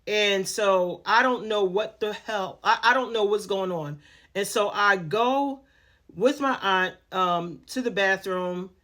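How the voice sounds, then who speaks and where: A woman at an ordinary middle pitch tells a personal story. She talks candidly and conversationally, stumbling over fillers and restarting her sentences as she goes. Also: slow, a bit bright.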